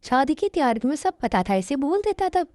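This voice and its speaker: A woman's voice: high-pitched, big pitch swings, normal speed, dark tone, no echo, studio quality, pitched above the performer's own voice. A woman voicing a stern, angry middle-aged mother who scolds sharply in a fan dub. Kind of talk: fan dub dialogue acting.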